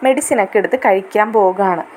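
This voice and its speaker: A woman's voice: medium pitch, quick pace, a little mellow, slight background noise, lightly acted. A woman voicing a caring elderly father, fond and protective toward his daughter, in a retold serial story. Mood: comforting.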